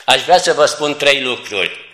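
A man's voice: mid-range voice, lively intonation, pushed and bright. A man preaching a church sermon, earnestly addressing the congregation as beloved. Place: church assembly hall. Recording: echoey hall.

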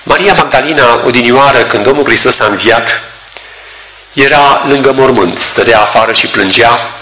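A man delivers a sermon in a bright, forceful voice at a middle pitch. He reads scripture and then explains it with measured emphasis, drawing out key words. The room around him echoes noticeably. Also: slight background noise. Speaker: preacher.

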